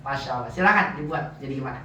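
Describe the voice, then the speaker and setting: A man's voice: mid-range voice, lively intonation, rapid-fire, pushed and bright. A male Arabic teacher patiently drilling phrases for his students to repeat. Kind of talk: online Arabic grammar class. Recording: echoey, distant, dull lo-fi sound with faint noise.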